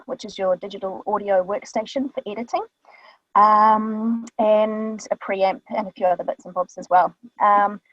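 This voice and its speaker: Recorded dry and dull in a small vocal booth with a studio microphone and no room sound, a New Zealand woman talks about her voice-artist work. As a guest, she's chatty and casual, using many ums, in a medium-pitched voice.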